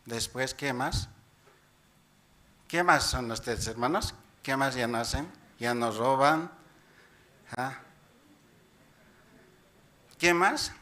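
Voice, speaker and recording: Slow, bright-voiced preaching deacon. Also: male voice, medium pitch. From Bolivia. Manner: repeatedly asks the congregation questions and keeps addressing them as brothers; tags sentences with "dice" while paraphrasing scripture. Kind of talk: Sunday church sermon.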